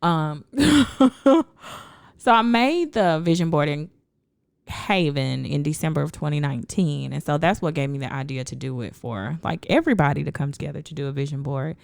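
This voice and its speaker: A woman with a very low, gravelly voice hosts a podcast in casual chat. She speaks in a measured, deliberate radio voice. The sound is dry and close. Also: dry recording. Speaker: podcast host.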